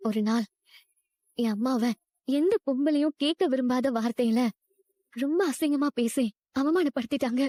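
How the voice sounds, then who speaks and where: A woman voicing a mellow, proud working-class young woman. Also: high voice, moderate pace, long pauses, dry recording, studio quality, natural voice. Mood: confiding. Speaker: woman who left her husband and now runs food stalls. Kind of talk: dubbed TV drama dialogue.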